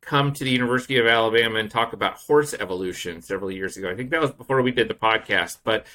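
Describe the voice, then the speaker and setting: A podcast co-host on a science show introduces the guest and explains things enthusiastically, building up to a reveal. He talks fast with a lowish voice and a sharp tone.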